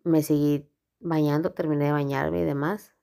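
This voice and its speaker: A woman's voice: low voice, steady tone, moderate pace, gravelly, mellow. A woman telling a personal story in a casual, frank way, full of filler words. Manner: frank, rambling, heavy use of filler words.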